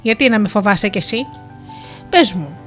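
A woman narrator voicing a gentle sea princess disguised as a turtle, melodious, playful and kind, with faint music behind. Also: medium pitch, animated, natural voice.

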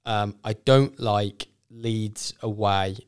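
A man's voice: fairly low pitch, fairly even intonation, slow pace, smooth. A man chatting casually as a podcast guest, thinking aloud and correcting himself as he goes. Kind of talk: casual fantasy football chat.

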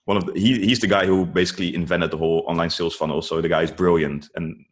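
A fast-talking man with a low, steady voice appears as an interview guest, chatting casually and earnestly giving advice. He says "like" and "you know" a lot.

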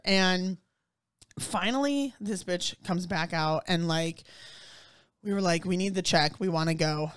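Woman w a lowish voice, chatty storytelling, cusses a lot, dry close sound. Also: no room sound. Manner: animated storyteller, swears freely, many fillers. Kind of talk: casual chat.

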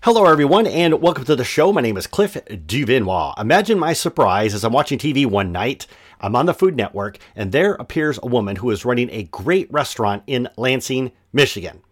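A man's voice: medium pitch, big pitch swings, brisk. A man hosting a podcast, giving friendly, upbeat introductions and asking his guest questions. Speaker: podcast host. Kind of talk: podcast interview.

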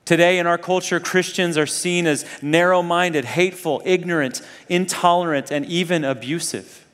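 A man with a slightly high, fairly bright voice preaches at normal speed with fairly even intonation. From Zambia and Kenya, he addresses students earnestly and conversationally, often asking them rhetorical questions. The recording has a long hall reverb.

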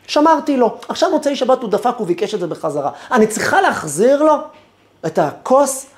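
A wise woman of old asks a pointed question with quiet patience, as a male rabbi tells her story. The delivery moves up and down in a lively, storytelling way. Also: extremely high pitch, voice pushed up.

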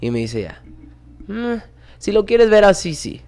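A man in his twenties with a Mexican accent, a podcast guest telling a story in casual chat, animated, slangy and swearing often. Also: sits high, a little slow. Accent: Mexican Spanish. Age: 20s.

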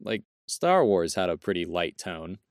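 A man's voice: sits low, very animated, measured pace, no echo, clean studio sound. A young man co-hosting a casual film review podcast, rambling and joking, often correcting himself mid-sentence. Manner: rambling, jokey, self-correcting. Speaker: podcast co-host.

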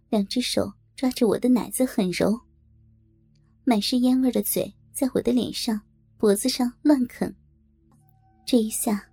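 A woman reading a first-person adult audio novel in a steady, intimate storytelling manner. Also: fairly high pitch, gravelly, breathy edge, no echo. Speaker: narrator.

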